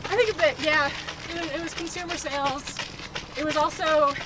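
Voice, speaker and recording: A woman's voice: sits high, fairly even intonation, brisk. A woman chatting casually in an interview while running outdoors, with lots of filler words. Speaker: interview guest, marketing professional. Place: outdoors, on the move. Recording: noisy outdoor recording, ambient vehicle sounds.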